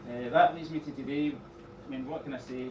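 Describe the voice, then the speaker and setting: A middle-aged man giving an informal wedding speech as father of the bride, rambling a little with pauses and dry teasing asides. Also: medium pitch, steady tone. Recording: echoey room, distant mic, noisy background.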